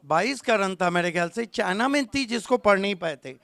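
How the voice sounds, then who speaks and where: Calling a live tennis-ball cricket match, an animated male commentator shows quick wit and raises his voice to loud calls at key moments. His tone is high, bright, smooth, and crisp, recorded close and dry with no room sound.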